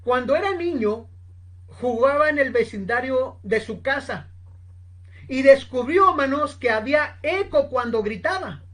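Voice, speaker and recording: Slow, high-voiced woman preaching. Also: expressive, fairly bright tone. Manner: addresses listeners as brothers constantly; slow, emphatic storytelling. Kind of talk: sermon. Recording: online seminar recording.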